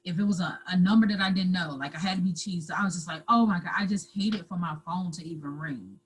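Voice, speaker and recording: A woman guest telling her own story in an interview, halting and repeating herself, at times close to tears. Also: lowish voice, a little hiss or hum, rough recording. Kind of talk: emotional personal storytelling.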